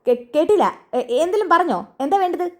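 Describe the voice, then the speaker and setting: A woman's voice: very high voice, animated, fast talker, voice pushed up. A woman voicing a hard-of-hearing old male village tea shop owner who keeps mishearing and asking again. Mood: confused. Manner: shouts back, mishears, confused.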